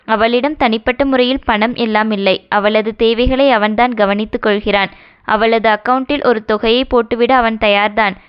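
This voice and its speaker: Female audio-novel narrator, calm and even, smooth tone, lo-fi recording. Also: a little high, normal speed. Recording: dull lo-fi recording.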